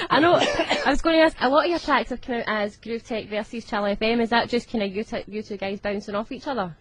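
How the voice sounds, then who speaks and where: A woman's voice: a little high, lively intonation, fairly quick, dry recording. A woman hosting a radio show from the studio, interviewing guests in a friendly, giggly way. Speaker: radio host.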